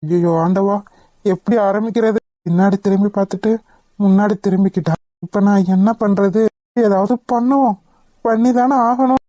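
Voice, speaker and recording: A woman's voice: medium pitch, normal speed, mellow, no room sound, close to an everyday voice. A woman voicing a bumbling young husband in a cartoon, flustered and muttering to himself as he tries to win back his wife. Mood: fretful. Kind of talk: cartoon voice acting.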